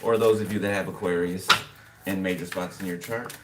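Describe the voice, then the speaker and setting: A man's voice: low-pitched, fairly even intonation, fairly quick. Rambling man reading tarot from afar. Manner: rambling, filler-heavy, repeats "okay" and "you know". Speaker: tarot card reader. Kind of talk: casual tarot reading monologue. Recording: distant mic with background noise. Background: birds chirping.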